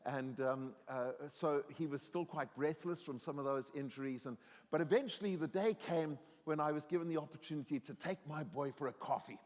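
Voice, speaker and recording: A man's voice: on the high side, a little fast, a little mellow. A middle-aged man giving a storytelling sermon as a guest preacher in a university chapel, earnest and increasingly emphatic. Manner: earnest storyteller, grows more emphatic and exhorting. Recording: reverberant chapel hall.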